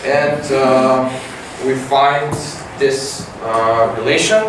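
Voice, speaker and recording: A man's voice: medium pitch, fairly even intonation, over music. Teenage boy presenting, echoey classroom. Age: teens. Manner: halting, many fillers. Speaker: student presenter. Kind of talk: science competition report. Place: large classroom with projector. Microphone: far camera. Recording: echoey room from far off, noisy.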